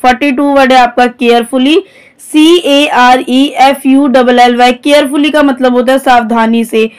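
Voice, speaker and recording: A woman's voice: high-pitched, fairly even intonation, unhurried, smooth. A woman teaching English vocabulary, spelling each word letter by letter and then explaining its meaning. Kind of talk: vocabulary lesson, spelling out words.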